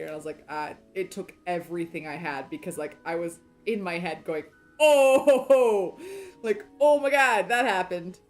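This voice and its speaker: Rambling, lower-pitched woman gamer. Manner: rambling and self-deprecating, many fillers and restarts. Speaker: game streamer. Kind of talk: casual chat during a game playthrough.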